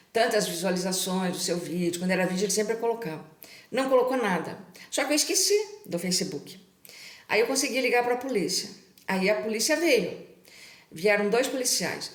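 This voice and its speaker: A woman's voice: mid-range voice, roomy sound. A middle-aged Brazilian woman telling a personal story to her viewers in a chatty way, often adding tag questions. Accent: Brazilian Portuguese. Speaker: channel host.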